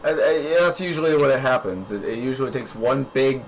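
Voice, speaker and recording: A young man hosts a podcast over a voice call, picked up by a computer microphone, and the audio quality is poor. His voice sits at medium pitch with lively intonation and a slightly fast pace. He rambles through casual chat, full of fillers and offhand swearing.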